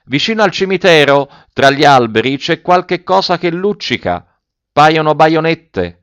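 A man's voice: fairly high pitch, lively intonation, moderate pace, fairly bright tone, highs cut off, voice pushed up. A man reading an audiobook voices a brave, eager young boy lookout who calls out in a raised, earnest voice. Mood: calling out.

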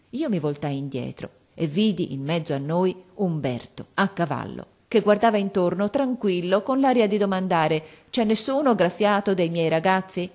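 A woman narrating a classic novel as an audiobook, with measured, expressive storytelling. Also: lowish voice.

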